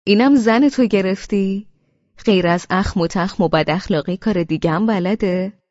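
A woman reading an audiobook and voicing a teasing young man who speaks in loud, mocking banter, raised above her usual voice. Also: medium pitch, dry recording, lo-fi sound, lightly acted.

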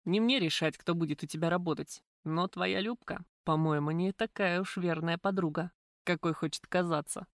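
A woman voicing a calm, cautious husband who speaks in a measured, slightly lowered voice in an audiobook. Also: dry recording, studio quality, lightly acted.

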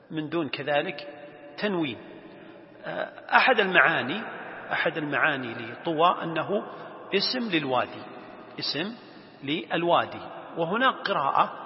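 A man's voice: a little high, creaky, slight background noise. Man teaching scripture in an echoey hall. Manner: measured, pauses with drawn-out fillers, recites verses with raised voice. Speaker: Quran tafsir teacher. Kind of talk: religious lesson explaining scripture. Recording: echoey hall, dull lo-fi sound.

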